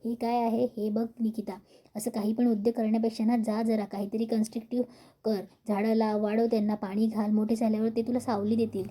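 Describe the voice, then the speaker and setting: A woman's voice: fairly high pitch, little pitch movement, brisk, mellow, lightly acted. A woman voicing a busy, dismissive husband in a retold soap scene, brusque and lecturing.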